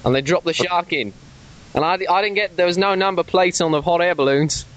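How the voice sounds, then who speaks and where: A high, fairly bright voice comes down the phone line from an Australian man pranking someone at a brisk clip. He stammers and rambles, and the swearing starts once he's worked up.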